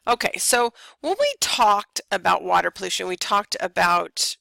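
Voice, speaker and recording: Chatty tired woman lecturing, gravelly voice. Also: medium pitch, lively intonation, normal speed, bright, forceful tone, dry recording. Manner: casual, chatty, many ums. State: tired, yawning. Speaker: teacher. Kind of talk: recorded lecture over slides.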